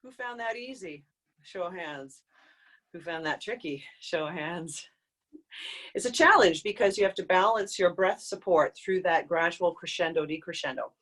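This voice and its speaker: A woman vocal coach leading a live online group singing lesson, explaining exercises and breaking into loud demonstration hoots and calls. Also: on the low side, moderate pace. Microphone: video call.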